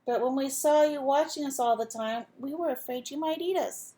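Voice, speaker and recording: A woman's voice: sits high, normal speed, warm tone, voice pushed up, lightly acted. A woman voicing an earnest male fish in a storybook, a pleading peacemaker. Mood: apologetic.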